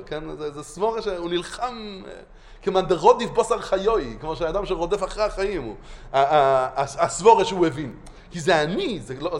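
Animated, high-pitched male Torah lecturer. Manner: animated, emphatic, with many restarts. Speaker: rabbi.

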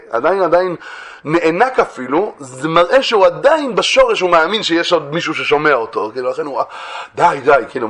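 Man teaching from religious texts. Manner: reads aloud from classic texts, then explains them in plain words; lively, swings between raised emphatic phrases and quiet low asides. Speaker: Torah teacher.

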